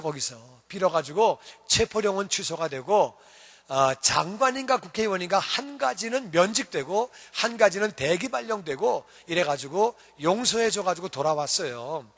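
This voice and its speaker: A male pastor preaching a sermon in a church, telling a story in a lively way with acted quotes. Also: high voice, in a large hall.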